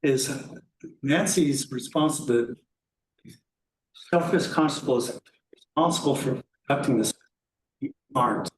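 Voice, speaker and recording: A man's voice: mid-range voice, measured pace, pauses often. A man chairing a public meeting, speaking firmly and brusquely while his audio keeps cutting out over a remote connection. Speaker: commission chair. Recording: echoey room.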